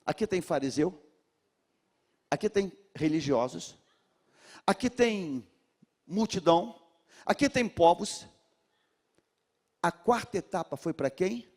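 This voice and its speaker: A man from Brazil with a Rio de Janeiro accent preaching a sermon in a large church, calling on the congregation to repeat his words and swinging from hushed lines to shouts. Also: high-pitched, lively intonation, takes it slowly, long pauses. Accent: Rio de Janeiro Brazilian Portuguese. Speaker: pastor.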